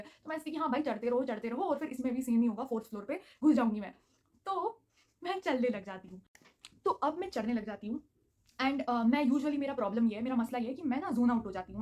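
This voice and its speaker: Casting: young woman in late teens, high bright pitch, quick animated story-time delivery, Hindi with English mixed in. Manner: animated, mixes English into Hindi, acts out quotes. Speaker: student vlogger telling a story.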